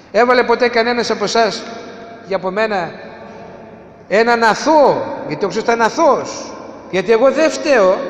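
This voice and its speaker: A man preaching a sermon, emphatic, asking rhetorical questions and swinging between loud and hushed delivery. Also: sits high. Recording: echoey hall with long reverb.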